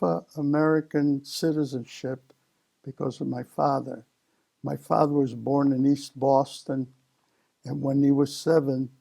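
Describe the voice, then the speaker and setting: A man in his seventies, from Italy, telling his life story slowly in an oral history interview, with many pauses and fillers. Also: mid-range voice, vocal fry, dark tone. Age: 70s. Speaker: interview guest.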